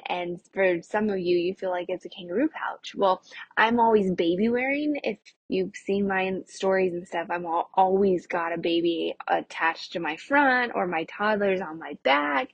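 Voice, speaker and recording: A young adult woman with a husky voice, hosting a podcast in a casual, chatty way and talking to listeners like friends. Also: mid-range voice, no room sound. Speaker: podcast host of a nutrition show for mothers. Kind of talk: casual solo podcast talk.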